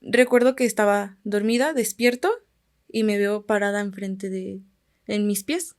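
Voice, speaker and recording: Softly trailing Mexican woman storyteller. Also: medium pitch, measured pace. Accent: Mexican Spanish. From Guerrero, Mexico. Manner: calm, often trailing off quietly at phrase ends. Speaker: podcast guest. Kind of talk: casual storytelling.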